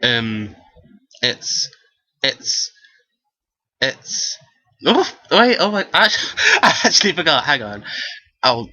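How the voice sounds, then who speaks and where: A man's voice: a little high, slow pace, pauses often, muffled recording. Sassy young man ranting. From England. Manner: animated and sassy, often says "girl". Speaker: vlogger. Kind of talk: casual ranting to camera.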